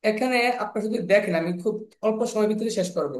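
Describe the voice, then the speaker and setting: A man teaching English pronunciation in an online class, slowly repeating sounds and words over and over. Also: high voice. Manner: slow, repeats sounds and words many times. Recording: echoey room.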